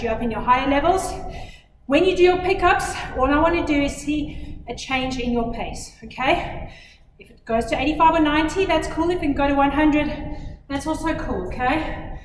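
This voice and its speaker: A woman's voice: high-pitched, background noise. A woman in her thirties coaching a spin class while cycling hard, out of breath, calling out commands and countdowns with effort. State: out of breath from exertion. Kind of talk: motivational fitness class coaching while riding. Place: indoor gym spin studio, far camera. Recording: echoey gym studio from far off, loud music. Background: workout music.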